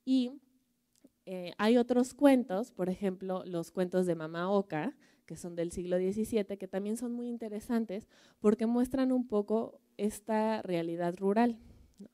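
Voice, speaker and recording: A woman's voice: mid-range voice, measured pace, dark tone, smooth. A woman curator with a Mexican Spanish accent giving a museum lecture, telling folk tales in a chatty, conversational way and often checking in with her audience. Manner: conversational, storytelling, frequent tag questions. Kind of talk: public lecture.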